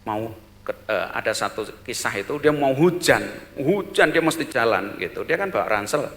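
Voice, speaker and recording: Bright-voiced man telling a story. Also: medium pitch, normal speed. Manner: animated storyteller, voice swelling loud then dropping soft; repeats words and tags phrases with "gitu". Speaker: seminar speaker. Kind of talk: storytelling lecture at a business seminar.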